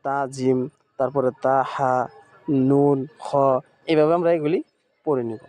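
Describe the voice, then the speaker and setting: Dark-voiced man teaching Quran letters. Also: mid-range voice, fairly even intonation. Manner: patient, repeats letters and words slowly; Arabic letter names in Bengali speech. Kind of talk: online recitation lesson.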